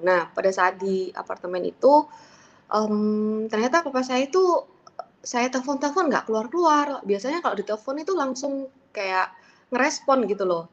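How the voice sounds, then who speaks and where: A woman earnestly recounting a personal story in casual speech, halting at times and livening up when she quotes what she said. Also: a little high, dull audio. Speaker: interviewee telling a personal story.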